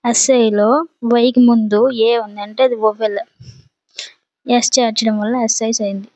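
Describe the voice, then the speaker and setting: A woman's voice: a little high, level tone, normal speed, darkish tone, dry recording, poor audio. A woman with a Telugu accent explaining an English grammar lesson, going step by step through examples.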